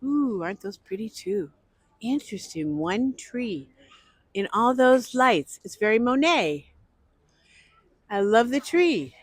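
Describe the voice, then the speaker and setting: A woman's voice: on the high side, very animated, slow, long pauses, dry recording. A woman walking through an outdoor art festival, narrating her vlog chattily and greeting people she passes. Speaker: vlogger.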